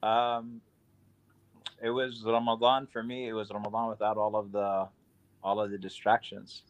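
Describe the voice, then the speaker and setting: Laid-back New imam, low deep voice, relaxed podcast guest talk. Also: male voice, moderate pace, dull audio. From Queens, New York. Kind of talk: casual podcast chat.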